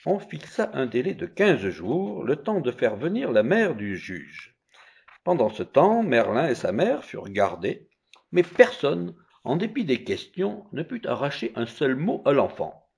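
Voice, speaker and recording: A man narrating a story in a calm, even telling. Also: medium pitch, a little slow, creaky, husky. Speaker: reader.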